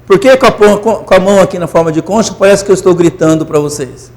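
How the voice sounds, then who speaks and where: A man teaching physics in a classroom lecture, euphoric and animated, constantly checking that students follow. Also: high-pitched, fast talker, big-room sound.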